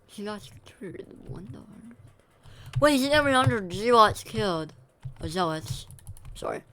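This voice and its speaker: With a high, sharp voice and lively intonation, a young man chats with viewers while gaming, drifting between reactions and correcting himself as he goes. He speaks at normal speed over slight background noise.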